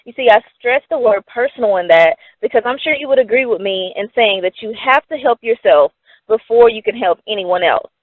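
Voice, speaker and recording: Upbeat woman pitching finances, tinny sound. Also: expressive, brisk, no echo. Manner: upbeat, persuasive, asks herself questions. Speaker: company presenter. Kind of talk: scripted sales presentation. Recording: dry, phone-like narrow sound.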